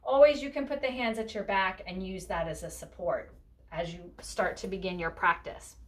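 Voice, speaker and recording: A woman's voice: medium pitch, normal speed. A woman yoga instructor giving a step-by-step spoken breathing lesson, explaining instructively with casual check-ins.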